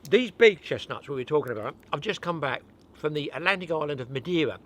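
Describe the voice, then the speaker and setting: A man's voice: on the high side, animated, quick pace, fairly bright tone. An older British man hosting an outdoor channel, chatting casually and rambling with a self-mocking humour at a forest cabin. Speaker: channel host.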